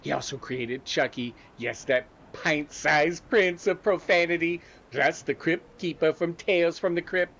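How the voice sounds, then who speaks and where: A man's voice: fairly high pitch, measured pace, hardly any pauses, a bit bright, lo-fi sound. A man playing a theatrical, gleefully macabre horror show host, relishing punning, alliterative scripted narration. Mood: campy, admiring.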